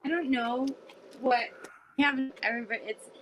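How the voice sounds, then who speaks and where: A woman calling into a casual chat over a connection that keeps freezing and breaking up, talking haltingly and trailing off. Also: high-pitched, steady tone. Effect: glitching, breaking-up call audio that keeps freezing. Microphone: remote call connection. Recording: noisy, distant call line.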